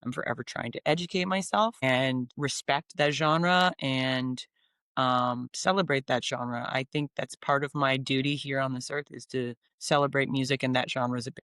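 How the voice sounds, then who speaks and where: A woman's voice: rumbling low, fairly even intonation, normal speed, a bit bright, clean tone, no echo, studio quality. A woman in her forties from Canada, a singer-songwriter talking in a casual interview, upbeat and enthusiastic with frequent ums and restarts. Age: 40s.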